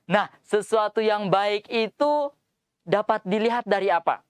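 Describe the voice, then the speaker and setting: A woman hosts a Bible lesson for small children. She speaks slowly in a clear, smooth voice, with exaggerated expression and frequent questions to her young listeners. The recording is close and dry. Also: medium pitch, lively intonation, no echo. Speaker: children's Bible program host.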